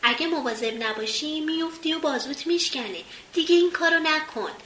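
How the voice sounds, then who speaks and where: A woman's voice: high-pitched, animated, pushed and bright, voice pushed up. A woman voicing a busy mother who scolds with a raised voice, in a roomy recording with faint hiss. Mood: scolding.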